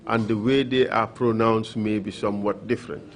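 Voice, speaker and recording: A man questioning a witness at a formal hearing, speaking in a slow, measured, procedural way. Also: lowish voice, steady tone.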